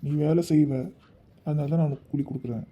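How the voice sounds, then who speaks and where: A man playing a kindly middle-aged employer in an amateur family skit, speaking calmly and reassuringly. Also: a little high, fast talker, breathy edge. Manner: calm, reassuring, fatherly. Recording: dull lo-fi recording.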